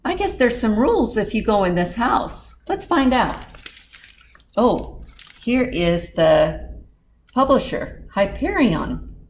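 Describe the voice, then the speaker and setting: Her voice a little high and sing-song, a storytime librarian reads a children's book slowly and expressively, turning to talk directly to the young listeners now and then. A slight hiss or hum can be heard.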